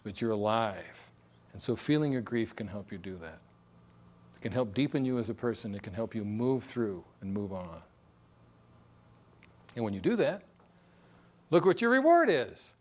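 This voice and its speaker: A middle-aged man presenting a divorce recovery seminar in a conversational way, with joking asides and acted-out examples. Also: medium pitch. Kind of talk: recorded seminar talk.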